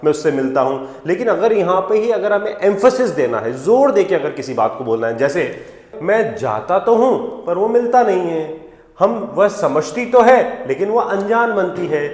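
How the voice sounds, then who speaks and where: Male English teacher, high lively voice, quizzes the class and answers himself, roomy reverb. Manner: poses rhetorical questions, then answers them; stresses key words for emphasis. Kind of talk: grammar lesson to camera. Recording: echoey room with long reverb.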